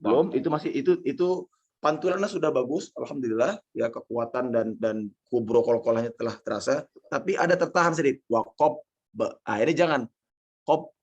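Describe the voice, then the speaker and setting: A man with an Indonesian accent teaching Quran recitation in an online lesson, patiently correcting a student and repeating sounds slowly. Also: mid-range voice, a little mellow, breathy edge, lo-fi sound.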